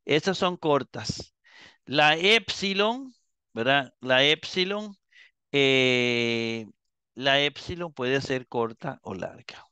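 A man teaching a live Greek class, explaining slowly and checking in with his students as he goes. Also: on the high side, sharp tone, clean tone, no room sound. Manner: slow, explanatory, repeats and checks with "¿verdad?".

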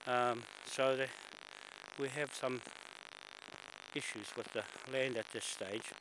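An older man talks slowly while out of breath, filming himself walking outdoors on a bush stairway. His chat rambles and he keeps clearing his throat. The camcorder audio carries a loud, steady hiss. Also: medium pitch. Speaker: vlogger filming a walk. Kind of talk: casual walking commentary. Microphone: handheld camera mic.

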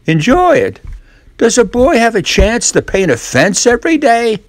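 A man's voice: extremely high pitch, huge pitch swings, normal speed, no echo, voice pushed up, full character voice. A man voicing a sly, persuasive young boy in a storybook reading, with an emphatic, coaxing manner. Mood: breezy, sly.

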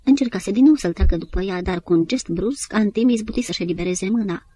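A woman narrating an audiobook in a measured storytelling manner. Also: medium pitch, dark tone, breathy edge. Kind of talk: scripted literary narration.

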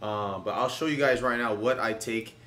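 A young man raised in Los Angeles, chatting casually in a vlog with a relaxed, rambling manner full of fillers. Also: mid-range voice, moderate pace. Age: young adult. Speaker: vlogger, aspiring fitness coach. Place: living room indoors. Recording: roomy and distant with music.

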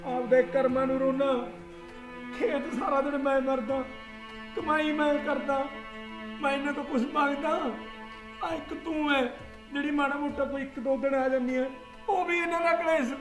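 An older farmer grandfather, worn down and pleading through tears, played by a man. His voice sits very high and strained. Music plays clearly beneath him in a short drama film. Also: steady tone, moderate pace. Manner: pleading, tearful, complaining.

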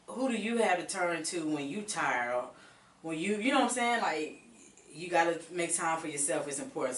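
A woman hosting a radio interview, chatty and quick to laugh as she tells stories. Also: fairly low pitch, distant mic. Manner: chatty, laughs often, storytelling. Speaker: radio show host. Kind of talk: casual interview chat. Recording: echoey room, voice off-mic, faint noise.

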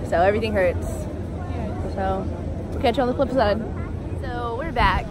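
A woman's voice: mid-range voice, moderate pace. A young woman chatting casually to her phone camera at the beach, teasing and laughing with family. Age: young adult. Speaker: vlogger. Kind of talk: casual beach vlog chat. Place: crowded sunny beach outdoors. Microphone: phone camera at arm's length. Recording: phone audio with loud beach crowd. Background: beach crowd and wind noise.

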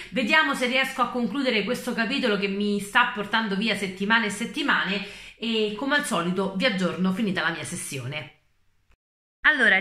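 A young novelist chats animatedly about her writing and sounds a little exasperated at times. Her voice is bright and clear, and she sits in a strongly echoing room at home. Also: a little high. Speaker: novelist vlogger. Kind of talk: casual vlog chat. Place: indoors, living room at home. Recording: echoey room.

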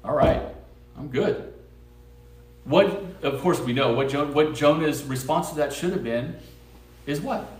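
A man's voice: on the high side, measured pace, long pauses. A man preaching a casual, conversational sermon, reading Bible verses aloud, joking and asking the congregation questions. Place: church sanctuary. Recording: roomy church recording from a distance.

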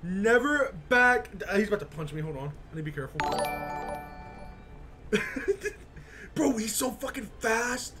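A live streamer giving excited reaction commentary, yelling, laughing and swearing in bursts. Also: mid-range voice, moderate pace, pauses often, faint music behind. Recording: steady background noise.

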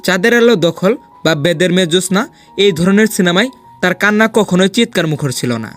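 Over soft music, a man delivers the scripted voice-over for a film ranking countdown he hosts. His voice is high-pitched, his pace brisk and rushing, and his delivery dramatic and persuasive.

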